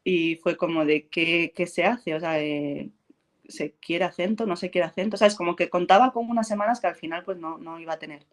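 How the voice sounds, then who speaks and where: In a casual interview, a Spanish actress with a fairly low, brisk voice tells anecdotes with great animation. She acts out the lines she quotes and laughs often.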